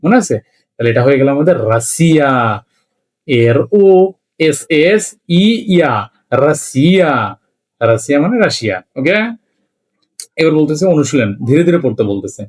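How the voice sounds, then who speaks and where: A man with a slightly high voice teaches beginners. He sounds out words one letter at a time and repeats them slowly. He keeps checking that his students are following along. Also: expressive, darkish tone. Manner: slow, repetitive spelling out letter by letter; checks in with listeners often. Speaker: language teacher. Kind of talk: beginner language lesson.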